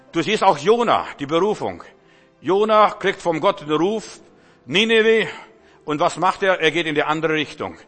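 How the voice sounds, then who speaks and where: A man's voice: fairly high pitch, a bit bright. A man preaching a sermon with emphasis, often repeating words and speaking straight to the listener. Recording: reverberant hall with faint music.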